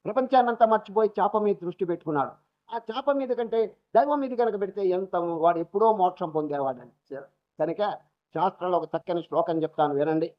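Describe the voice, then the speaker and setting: A man's voice: high-pitched, brisk. A man, a swami, giving a spiritual lecture on scripture, telling stories and mixing English phrases into his talk. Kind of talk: spiritual discourse with storytelling. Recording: dull lo-fi archival lecture recording.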